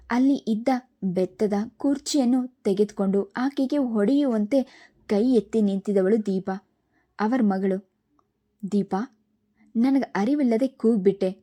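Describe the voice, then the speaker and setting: A woman narrating an emotional family story, reading every character's lines in her own steady voice. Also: medium pitch.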